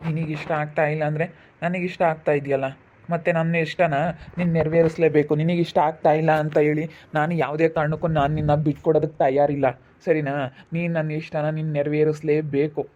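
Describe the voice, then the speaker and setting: Man as a pushy lecherous in-law, amateur drama, flat fairly high delivery, tinny phone-like sound. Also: quick pace, slight background noise, lightly acted. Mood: insistent. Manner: pressing, coaxing and threatening.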